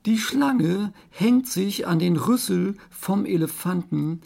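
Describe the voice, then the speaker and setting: A clever storybook fox, voiced by the reader, talking slowly and carefully, almost hushed at times. The voice is gravelly and breathy. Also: mid-range voice, expressive, pitched above the performer's own voice, full character voice. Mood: cautious.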